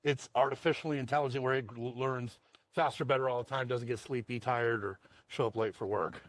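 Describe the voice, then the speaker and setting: A man's voice: medium pitch, steady tone, fairly quick, dry recording. A man who owns a roofing company, answering interview questions in a casual, rambling way, often repeating words and chuckling. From Washington state, USA.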